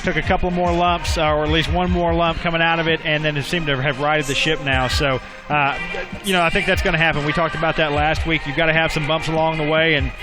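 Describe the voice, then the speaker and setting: A man giving relaxed, analytical color commentary on a college volleyball game. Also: on the high side, fast talker, over music. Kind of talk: sports commentary.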